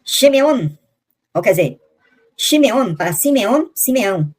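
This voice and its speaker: A woman giving a Bible lesson on a video call, reading out lists of names and verses and slowing down to sound out the foreign ones. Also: on the high side, sing-song, darkish tone, breathy edge. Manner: reads out name lists and verses, slowly spelling out foreign names. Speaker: Bible teacher. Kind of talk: explanatory Bible lesson with slides.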